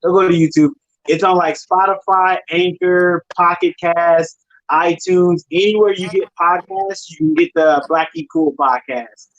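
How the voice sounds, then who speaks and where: A man from Wisconsin, a guest on a casual chat, talking in a relaxed, rambling way and correcting himself. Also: high voice, measured pace, no echo, highs cut off. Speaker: guest, snake breeder and podcaster.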